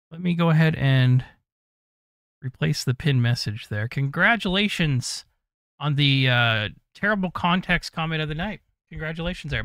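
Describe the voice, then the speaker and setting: A man's voice: a little high, a bit bright. A man doing casual, jokey, rambling commentary as he plays a video game on a live stream.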